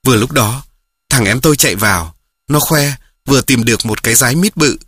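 Husky-voiced man reading a memoir. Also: medium pitch, fairly quick, fairly bright tone, dry recording, studio quality. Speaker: narrator.

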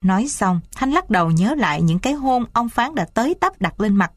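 A woman narrating a story in a steady, expressive reading voice. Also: on the high side, fairly quick, dry recording.

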